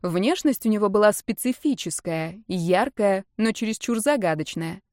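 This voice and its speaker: A woman's voice: mid-range voice, animated, normal speed, darkish tone, dry recording, clean studio sound. Woman reading a story aloud. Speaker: narrator.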